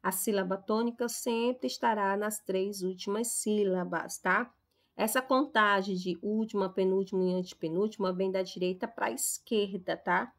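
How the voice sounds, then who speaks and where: A woman's voice: medium pitch, steady tone, moderate pace. A woman from Brazil, a teacher giving a recorded lesson, who explains step by step, stresses example words and keeps checking in with her students.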